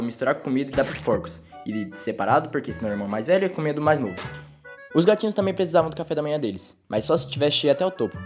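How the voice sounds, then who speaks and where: A young man with a Brazilian Portuguese accent tells a first-person storytime in a dub, racing through his lines. His delivery is animated and his voice sits at an ordinary middle pitch. Soft music plays quietly underneath. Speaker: fan dubber narrating a storytime. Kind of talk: dubbed storytime narration. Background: faint background music.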